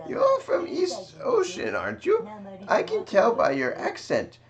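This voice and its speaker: A man's voice: very high-pitched, wildly swooping pitch, measured pace, vocal fry, pitched above the performer's own voice, full character voice. A man voicing a scornful male trader who sells cave intel and despises outsiders, reading game dialogue aloud with a sneering tone. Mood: mocking.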